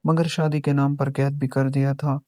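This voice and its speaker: A man's voice: mid-range voice, flat delivery, warm tone, no echo, clean studio sound, close to an everyday voice. A man voicing a cold, proud young heir in a storybook reading, with curt lines.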